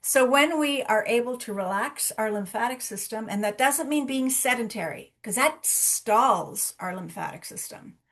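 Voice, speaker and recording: A woman with a somewhat high voice guides a group session over a video call. She talks calmly and directly to her listeners, giving one instruction after another in a teaching manner. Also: moderate pace, hardly any pauses. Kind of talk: guided relaxation and live workshop talk.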